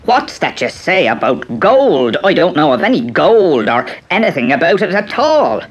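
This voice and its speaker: A man voicing a tiny, crafty male leprechaun cobbler with a high, whining voice. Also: very animated, normal speed, dull audio. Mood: frightened pleading. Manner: whining, pleading, sly.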